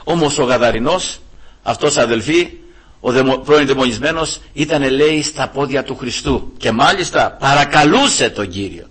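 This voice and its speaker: A man's voice: medium pitch, lively intonation, fairly bright tone, slightly rough. A male preacher delivering an emphatic sermon, often turning to address the brethren directly.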